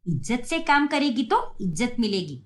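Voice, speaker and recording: A woman's voice: on the high side, sing-song, moderate pace. Woman doing a strict cartoon mom, scolding, sarcastic, voice goes up and down a lot. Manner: nagging, sarcastic. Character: strict scolding middle-aged mother, sharp-tongued.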